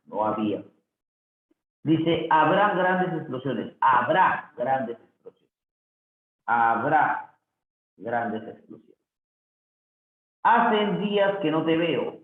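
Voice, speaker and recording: A man teaching a grammar review lesson, slowly reading answers aloud and repeating them for the student. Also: mid-range voice. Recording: echoey, phone-like lo-fi audio.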